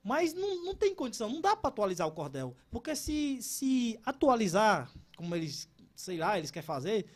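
A man's voice: sits high, fairly quick. A man in his thirties, a cordel poet and podcast guest, talking casually in an interview with many restarts. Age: 30s. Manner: animated, stumbling restarts.

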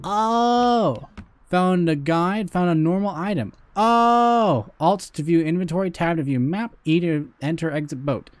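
A man giving excitable, goofy commentary while playing a horror game, swearing and playing with silly words. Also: fairly high pitch, moderate pace, hardly any pauses, no echo. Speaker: gaming video creator. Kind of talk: comedic horror let's play commentary.

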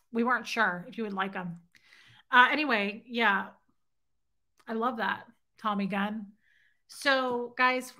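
Bright and forceful, this thirty-something woman's voice runs on the high side as she livestreams casually from her living room. Speaking into a desk webcam, she reads out viewer comments and teases and flirts playfully with her audience.

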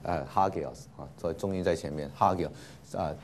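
A man's voice: deep voice, fairly quick, a little mellow, a little hiss or hum. Male teacher, patient classroom lecture, lots of fillers and repetition, with mixed in. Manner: patient, many filler 'ah' sounds, repeats words for students.

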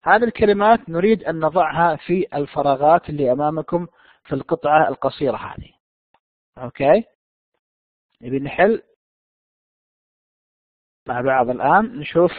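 A man's voice: on the high side, no room sound. Man teaching English on a thin line. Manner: switches between slow drawn-out English and quick Arabic explanations. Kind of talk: online class lecture. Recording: dry, phone-like narrow sound.

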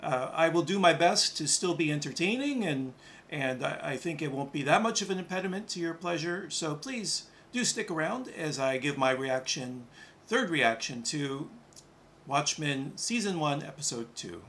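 A middle-aged man hosting a reaction video, talking casually and enunciating carefully with small pauses. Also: fairly high pitch, lively intonation, fairly bright tone, slight background noise.

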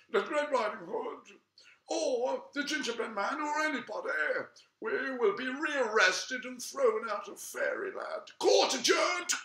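A man voicing a pompous, biased owl judge in a wig, speaking in a high, grand and loud voice. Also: reverberant, recorded from a distance, heavily acted, poor audio.

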